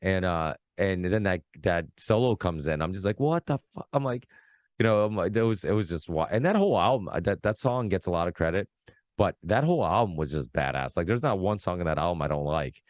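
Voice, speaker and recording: A man in his thirties from Massachusetts, hosting a podcast in casual chat, rambling and excitable, full of fillers and restarts. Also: low voice, fairly quick, no echo. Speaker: podcast host.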